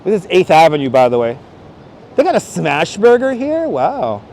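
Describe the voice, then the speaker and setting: His voice is fairly high and a little mellow, with huge pitch swings at normal speed. Exploring busy Manhattan streets outdoors, this livestream host chats playfully and exclaims to viewers, recorded on a wireless clip-on microphone over city noise.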